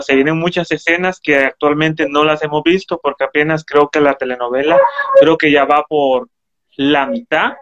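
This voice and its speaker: Higher-voiced man interviewing, lo-fi sound. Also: a bit bright. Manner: friendly and complimentary, asks questions. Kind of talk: casual interview chat.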